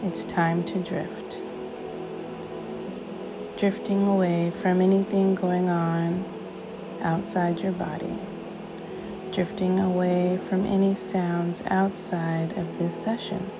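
A woman guides a sleep meditation like a sleep story narrator, soothing and unhurried, with long pauses between short phrases. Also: on the low side, flat delivery, noisy background. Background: music.

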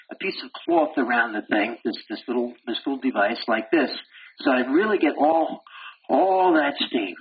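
A man's voice: mid-range voice, vocal fry. A man giving a medical lecture who quizzes his class and answers himself, with blunt, wry humor. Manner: animated, asks the class questions and answers them himself. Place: lecture room. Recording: dull lo-fi lecture recording with faint hiss.

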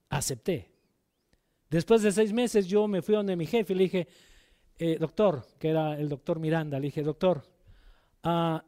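A man preaching a sermon as pastor, telling a personal story and putting direct questions to the congregation, loud one moment and quiet the next. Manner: emotional storytelling, swings between loud exhortation and quiet low asides.

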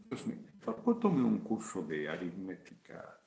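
A Mexican man talks loosely through political commentary. His voice sits low and gravelly. He rambles, with crude asides dropped in. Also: wildly swooping pitch, normal speed. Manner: rambling, informal, profane asides. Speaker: video chat host.

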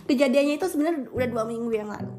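A young woman telling a story in a chatty, rambling way, often correcting herself. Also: sits high. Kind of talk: casual storytelling. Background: background music.

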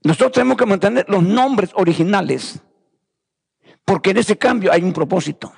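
Gravelly, lively-pitched preacher in a hall. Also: male voice, normal speed. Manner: fervent preaching, repeats phrases, addresses listeners as brother. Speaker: pastor. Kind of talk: sermon.

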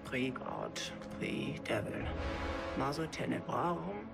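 A man voicing a gravelly ominous horror voice. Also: fairly high pitch, expressive, slow, over loud music, heavily acted. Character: ominous man telling of three dark mothers. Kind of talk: horror film trailer voice. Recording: trailer audio with loud score.

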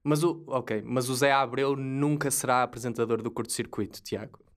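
A man with a European Portuguese accent and an average-pitched voice hosts a casual comedy chat. He talks in a joking, teasing way. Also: fairly even intonation, moderate pace. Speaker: podcast host.

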